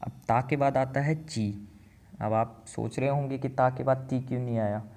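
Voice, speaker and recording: A man's voice: medium pitch, fairly even intonation, moderate pace, dark tone. A man teaching a writing lesson, patiently counting out each stroke aloud as he explains. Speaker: language teacher.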